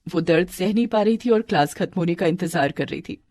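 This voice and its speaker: Brief: woman narrator for a bedtime moral story, steady and clear, mid pitch, close dry recording. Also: fairly quick, no echo.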